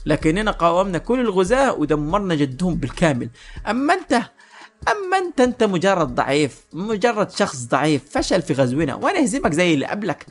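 A man's voice: high voice, very animated, fast. A man with an Egyptian accent voicing a cocky, overpowered young male hero who mocks his foe. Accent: Egyptian Arabic.

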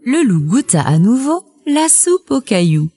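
Woman reading a kids' picture book out loud, slow and super animated, a bit breathy. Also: fairly high pitch. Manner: expressive and unhurried. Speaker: storyteller. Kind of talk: children's storybook reading.

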